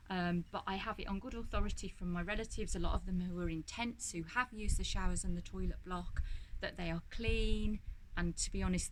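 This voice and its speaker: A woman with an English accent giving an earnest, reassuring campsite review outdoors. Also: fairly low pitch. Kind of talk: casual review chat. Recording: outdoor noise.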